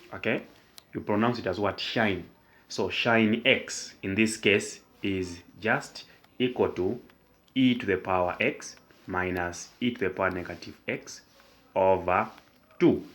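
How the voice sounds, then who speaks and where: A man's voice: lowish voice, fairly bright tone. A man tutoring math, explaining step by step and asking himself questions that he then answers. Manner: asks and answers his own questions; slow, repetitive, deliberate explanation. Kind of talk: whiteboard math lesson.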